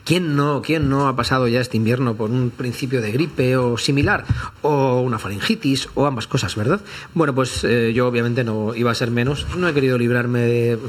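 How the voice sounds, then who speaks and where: A man, hoarse a cold, hosting a political roundtable in a radio studio. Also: medium pitch. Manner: brisk, chatty, apologetic asides. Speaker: radio talk show host.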